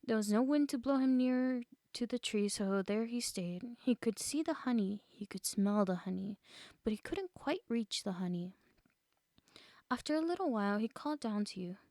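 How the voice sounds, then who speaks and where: A woman streamer reading a bedtime story aloud in a gentle storytelling manner. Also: on the high side, expressive, normal speed, no echo, clean studio sound.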